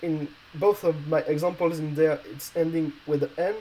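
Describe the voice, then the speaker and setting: Hesitant male teacher with a mellow voice. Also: a little high, steady tone, a little hiss or hum, poor audio. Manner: hesitant, many pauses and filler sounds; non-native English with slips. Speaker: Spanish teacher. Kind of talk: explaining a grammar lesson.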